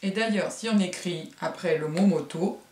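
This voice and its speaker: A woman's voice: fairly low pitch, moderate pace, a little mellow, a little hiss or hum. A woman kindergarten teacher giving a remote phonics lesson to young children, sounding words out syllable by syllable and encouraging them. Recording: roomy echo.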